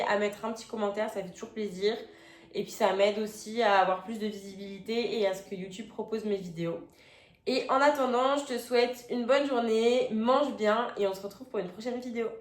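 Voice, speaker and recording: A young woman, chatting casually through a grocery haul vlog, full of "euh" fillers and slangy asides. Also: fairly high pitch. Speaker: vlogger. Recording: echoey room.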